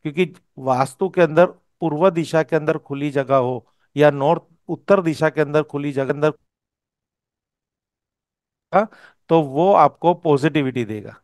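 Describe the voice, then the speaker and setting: Pausing at length, a vastu teacher explains his course at a measured pace, regularly checking with "okay?" that the student keeps up. His voice is on the high side with a darkish tone, recorded dry and at studio quality.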